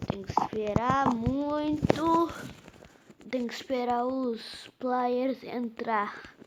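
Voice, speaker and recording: A woman's voice: on the high side, drawn-out words, lo-fi sound. A woman with a Brazilian Portuguese accent giving live gameplay commentary, impatient and repeatedly urging things along. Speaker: gameplay youtuber. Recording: loud background noise.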